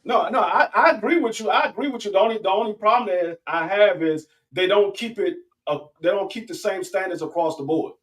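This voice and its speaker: High-voiced man, heard from afar. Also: fairly quick, few pauses, a bit bright, far from the mic, rough recording. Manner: agreeable, repeats himself, stumbles on words. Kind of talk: casual boxing talk.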